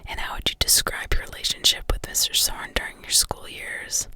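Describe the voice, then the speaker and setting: A woman reads the part of a pointed, theatrical male defense lawyer in a whisper, pressing her points with rhetorical force. She speaks at normal speed, her voice pushed and bright.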